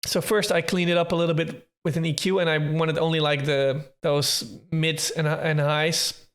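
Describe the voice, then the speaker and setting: A man with a somewhat high voice talks through his music production in a casual tutorial. He thinks aloud as he goes, hedging and restarting his sentences in a relaxed way. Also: moderate pace. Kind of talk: casual tutorial talk from a livestream.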